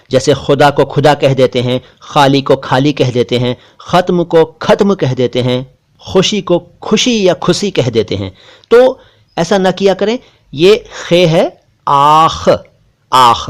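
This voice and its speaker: A man with a slightly raised voice teaches Urdu letters as a patient lesson. He drags out each short word slowly and deliberately, and he insists firmly on correct pronunciation. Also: a little high. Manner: slow, deliberate spelling-out of letters and words; stresses correct pronunciation, a bit critical of others. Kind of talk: spoken script lesson.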